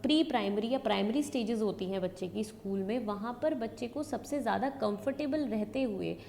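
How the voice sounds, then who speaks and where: A female lecturer with a North Indian accent talks briskly, her voice on the high side yet gravelly and dark. Explaining her material, she switches in English terms and recasts key points, all heard through echoing hall reverb and background noise.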